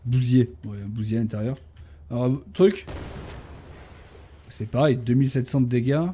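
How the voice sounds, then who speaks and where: A man giving casual gameplay commentary, talking to his tamed animals and bursting into excited shouts during fights. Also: medium pitch, normal speed, husky. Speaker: gaming YouTuber.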